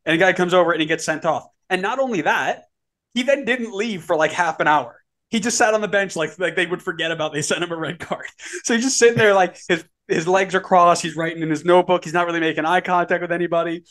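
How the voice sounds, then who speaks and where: A man co-hosting a casual soccer podcast, telling stories in an animated way, his pitch climbing as he gets excited. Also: quick pace. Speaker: podcast co-host.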